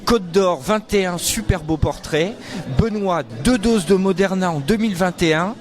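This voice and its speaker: A man reporting on location for radio asks his questions directly and with curiosity. His voice sits a little higher than most men's. He keeps the interview moving. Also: moderate pace, faint music behind.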